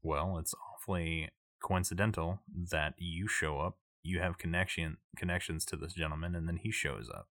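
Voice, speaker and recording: A man doing a cold, menacing crime boss in a tabletop game, his voice deep and dropped low, hard and bright at the edges. He talks in clipped, quiet threats, recorded close and dry. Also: moderate pace, few pauses, no room sound. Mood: cold menace.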